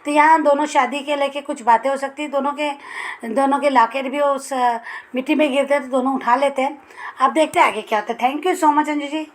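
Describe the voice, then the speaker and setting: Woman, high voice, fast chatty serial recap. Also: steady tone. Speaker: viewer contributor summing up a serial. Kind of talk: casual episode recap.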